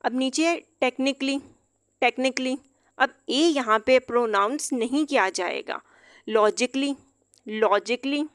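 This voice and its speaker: A woman's voice: sits high, dry recording, studio quality. Woman patiently teaching word by word. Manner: patient, repeats each example word slowly. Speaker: English teacher. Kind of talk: explanatory lesson.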